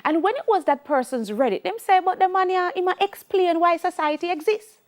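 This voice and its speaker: Lively Jamaican woman teaching sociology. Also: very high voice, fairly quick. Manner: emphatic, repeats key points, switches into Jamaican Creole. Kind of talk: televised classroom lesson.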